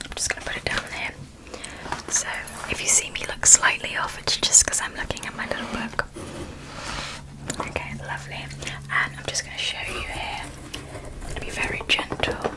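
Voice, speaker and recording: Whispering woman, close-mic ASMR. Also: rough recording. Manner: soft, slow whispering, gentle and reassuring. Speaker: ASMR creator. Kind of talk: ASMR role-play appointment. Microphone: close microphone.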